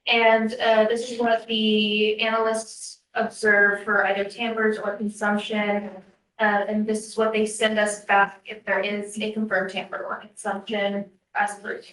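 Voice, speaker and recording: A woman's voice: medium pitch, completely flat delivery, a little slow, fairly bright tone. A woman testifying formally as a witness, captured in a courtroom recording. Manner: formal, procedural wording. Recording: echoey courtroom, distant microphone.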